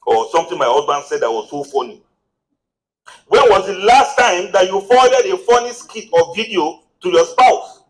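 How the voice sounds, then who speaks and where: A Nigerian man with a fairly high voice gives a motivational marriage seminar. He preaches in a run of rhetorical questions and climbs into animated, exclaiming stretches. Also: normal speed, poor audio.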